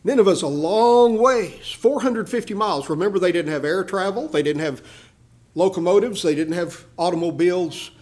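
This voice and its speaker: A man preaching a sermon, expressive, swinging from emphatic rising lines to quiet asides. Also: sits high, moderate pace.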